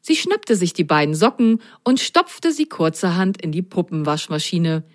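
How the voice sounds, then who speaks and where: A woman reading a children's bedtime story aloud in a gentle, unhurried storytelling manner. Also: lowish voice, sing-song. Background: faint music.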